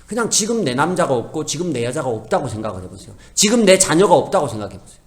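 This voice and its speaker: A middle-aged male pastor preaching a sermon, swinging between loud emphasis and soft asides and acting out everyday family talk in quoted voices. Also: fairly high pitch, big pitch swings, fast talker.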